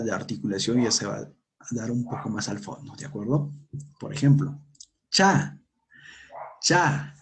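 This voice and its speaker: A man teaching a language lesson, saying each sound and word slowly and repeating it for learners to copy. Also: mid-range voice, warm tone, a little hiss or hum. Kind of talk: slow pronunciation lesson.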